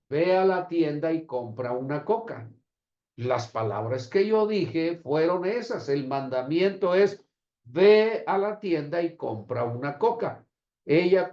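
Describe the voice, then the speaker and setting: A middle-aged man with a Mexican Spanish accent teaches a church class as pastor, his voice sitting a little higher than most men's. He talks in a lively way and plays out both sides of conversations with changing voices. The recording sounds dull and lo-fi. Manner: animated, acts out dialogue with shifting voices.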